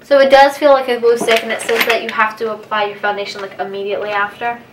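A woman's voice: on the high side, flat delivery, fast, over music. A young woman chatting casually and playfully while doing her makeup on camera. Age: young adult. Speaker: beauty vlogger. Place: small room indoors, seated at a table. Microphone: camera a few feet away. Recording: roomy, distant mic, background noise, clinking.

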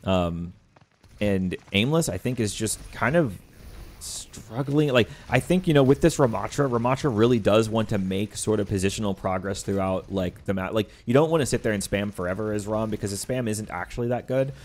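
A young man with a lowish voice breaks down the match for a live esports stream. He talks casually, leaning on filler words as he works through his analysis. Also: moderate pace, a little mellow. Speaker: esports commentator.

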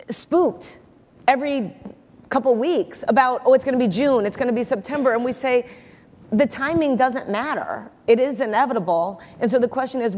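A woman's voice: on the high side, darkish tone. Emphatic woman on a conference stage. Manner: confident, emphatic, repeats words for stress. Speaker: investor and keynote guest. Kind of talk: onstage interview. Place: large conference hall stage. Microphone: lapel mic. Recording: long hall reverb.

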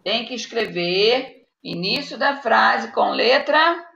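Her voice is on the high side, a bit bright, animated and unhurried, with some vocal fry. She's a primary school teacher with a Brazilian Portuguese accent, patiently dictating to young children in a live online lesson and checking in frequently, heard through echoey, muffled video-call sound.

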